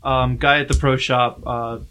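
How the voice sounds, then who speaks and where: Podcast guy walking through a movie scene, lots of um and uh, plain steady voice. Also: mid-range voice, unhurried, slight background noise. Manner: hesitant, many fillers, recapping plot. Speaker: podcast co-host. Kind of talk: casual film discussion.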